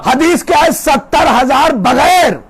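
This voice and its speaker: A male cleric delivering an impassioned religious sermon with an Indian Urdu accent, moving between quiet storytelling and shouted declamation. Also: a little slow. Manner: oratorical, swings from low storytelling to shouted declamation. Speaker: cleric giving a majlis sermon. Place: gathering hall with a crowd.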